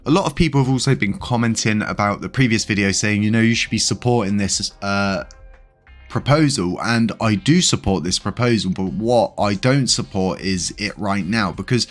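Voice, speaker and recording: A British man with a lowish voice hosts a crypto channel, offering casual news commentary at a moderate pace while faint music plays behind him. He rambles easily, uses lots of fillers, and sounds congested and a little wheezy.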